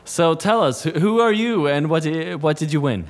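A man's voice: on the high side, expressive, moderate pace. A man co-hosting a podcast, asking guests questions in a friendly, casual way. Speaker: podcast co-host. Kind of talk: casual interview. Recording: long reverb and faint noise.

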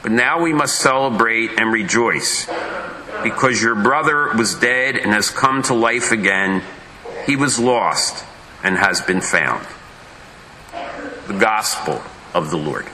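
A pastor reading a Gospel passage aloud at Mass in a measured, solemn way, his voice carrying with a big church echo. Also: lowish voice, expressive, noisy background. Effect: big echoing church reverb. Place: large church. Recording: roomy echoing church sound.

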